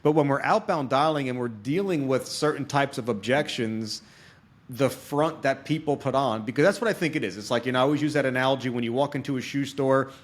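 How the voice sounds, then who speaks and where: Speaking a little quickly in a mid-range voice, this man hosts a podcast interview. He is a seasoned salesman who explains things in a chatty way and frequently checks in with the listener.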